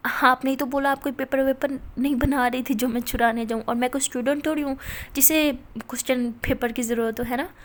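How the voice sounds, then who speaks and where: A woman's voice: high-pitched, fairly even intonation, a little fast, natural voice. A woman voicing a nervous, evasive woman teacher who stammers and pleads. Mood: flustered.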